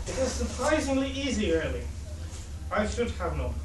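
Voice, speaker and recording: Commanding panto narrator , male actor, smug, high-pitched, far-off mic with noticeable noise. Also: very animated, moderate pace. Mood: self-satisfied. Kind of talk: amateur pantomime stage acting. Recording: echoey hall, far mic, background noise.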